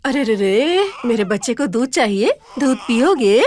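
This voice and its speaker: A woman playing a cruel stepmother in a family drama, talking in a harsh, shrill way. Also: sing-song, normal speed, fairly bright tone, a little hiss or hum. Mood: cooing. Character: cruel, scolding stepmother of a young girl. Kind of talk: Hindi family drama acting.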